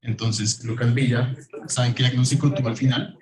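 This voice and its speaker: Man, classroom lecturer, heavy cathedral-like echo, roomy hall sound, mid pitch, casual, filler-heavy, quizzes students. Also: flat delivery, normal speed, darkish tone. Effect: heavy echo from a large room. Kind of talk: classroom lecture streamed to Zoom. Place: large classroom. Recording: echoey room sound.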